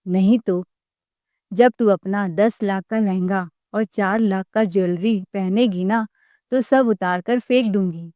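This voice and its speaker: A woman voicing a sharp-tongued young sister-in-law who scolds and mocks. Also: mid-range voice, unhurried, dry recording, lightly acted. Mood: scolding. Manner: scolding, mocking.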